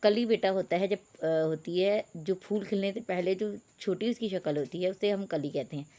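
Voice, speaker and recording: A woman's voice: medium pitch, normal speed, dark tone. A woman teacher, patiently spelling out words letter by letter in an online reading lesson for young pupils. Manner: addresses pupils as beta.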